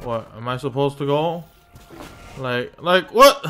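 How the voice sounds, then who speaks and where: A man's voice: mid-range voice, expressive, slow, pushed and bright. A man giving casual, wisecracking let's-play commentary while gaming, easily surprised. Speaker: gaming YouTuber. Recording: voice over game music.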